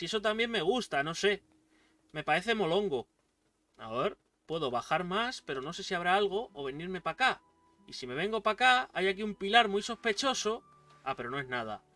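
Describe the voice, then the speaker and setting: A man with a Spain Spanish accent doing let's play commentary, excitable, swearing and yelling at the game. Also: high-pitched, recorded from a distance. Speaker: gaming YouTuber.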